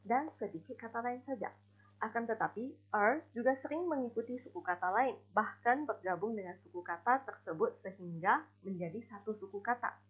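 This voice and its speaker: Husky-voiced woman teaching Mandarin. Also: a little high, animated. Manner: slow, deliberate explanations with spoken examples. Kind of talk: recorded online class lesson. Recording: dull lo-fi recording.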